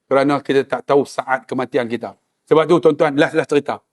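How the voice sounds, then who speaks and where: A man with a northern Malaysian Malay accent giving a humorous sermon, telling stories with animated delivery and addressing the audience directly. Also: mid-range voice, quick pace. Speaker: preacher. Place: mosque or lecture hall.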